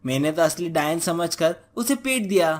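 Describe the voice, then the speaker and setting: A man's voice: fairly high pitch, animated, normal speed, natural voice. Man playing a weary village husband. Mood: stern. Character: poor village husband, weary but cunning.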